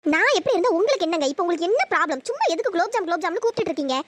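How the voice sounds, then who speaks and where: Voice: very high-pitched, very animated, racing. A performer voicing an irritable young college woman in a cartoon story, scolding and exasperated. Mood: irritated.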